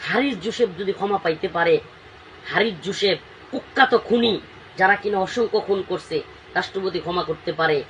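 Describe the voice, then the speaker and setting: A man's voice: high voice, a bit bright. A man, speaking as a cleric in an interview, emotional and pleading, with emphatic outbursts. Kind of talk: impassioned interview talk. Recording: distant mic with faint background noise.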